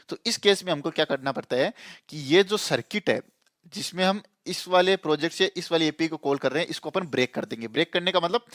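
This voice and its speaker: A man's voice: fairly high pitch, fairly bright tone, no echo, studio quality. A man teaching a programming lesson in a casual tone, repeating points and checking that listeners follow. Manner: explains with repetition and frequent checks on the listener. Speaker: programming tutor.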